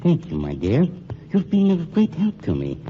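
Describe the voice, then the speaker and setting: Playing the owner of a funeral home, a male actor gives a suave, sinister undertaker a coldly polite, drawn-out delivery at normal speed. His pitch is fairly high and swings widely. It comes through as a muffled 1940s radio broadcast with a light hiss.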